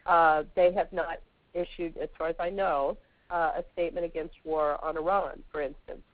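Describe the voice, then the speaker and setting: Female call guest, scratchy sore-throat voice, halting and searching for words, dry tinny phone audio. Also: deep voice, fairly even intonation, dry recording. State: sore throat, sneezing and sniffly with a cold. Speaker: guest speaker, veterans' organization representative. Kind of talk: answering questions on a conference call. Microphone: telephone. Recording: tinny, narrowband phone line.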